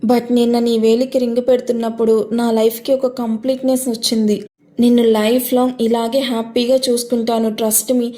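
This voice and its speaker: An earnest young man vowing lifelong care, slow and tender, as a woman narrator voices him. A clear, high voice, unhurried. Spoken romance story. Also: flat delivery, dark tone, lightly acted.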